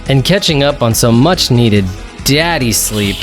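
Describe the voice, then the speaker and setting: A man reading a picture book aloud to his child in a slow, lively storytelling tone. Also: mid-range voice, faint music behind.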